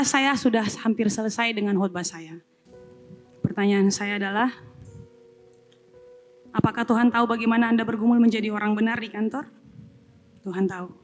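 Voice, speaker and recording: A high-pitched woman preaching a sermon. Her delivery is impassioned and climbs to ringing, emphatic calls. A faint instrument plays softly behind her. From Eastern Indonesia. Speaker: assistant pastor. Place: church.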